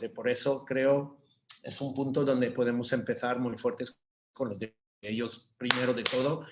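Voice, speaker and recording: A man's voice: medium pitch, a little hiss or hum. Man, ad producer on a panel, hesitant, drops English words mid-sentence. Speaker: advertising producer. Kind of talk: panel discussion.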